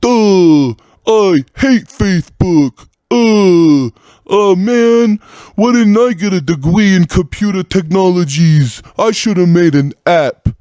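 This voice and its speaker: A man's voice: high voice, lively intonation, slow pace, mellow, no echo, clean studio sound, pitched above the performer's own voice. A man putting on a mocking, whiny voice of a self-pitying Californian who was priced out by tech.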